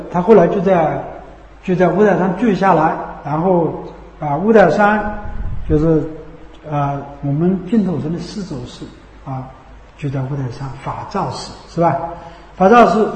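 A man's voice: high-pitched, dark tone. A man teaching as a Buddhist teacher in a conversational dharma talk, often checking with his listeners by asking "you know?". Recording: echoey hall with long reverb.

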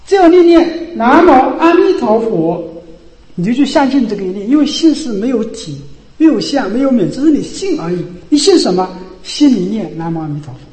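High-voiced man preaching in an echoey hall. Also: sing-song, fairly quick, darkish tone. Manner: repeats rhetorical questions, drops to low asides. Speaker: Buddhist teacher. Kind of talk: sermon.

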